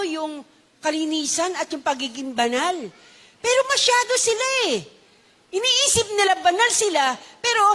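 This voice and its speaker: A woman preaching a Bible-study sermon, animated and acting out gossiping voices. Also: high voice. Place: church hall. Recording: long reverb of a hall.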